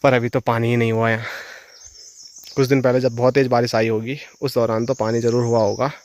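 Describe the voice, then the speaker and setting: Here a Himalayan village vlogger from northern India chats his way through a forest on a casual walk, addressing the people watching. His medium-pitched voice is level and a little mellow, moving slightly fast. There's a little hiss or hum, plus insects and rural outdoor sounds.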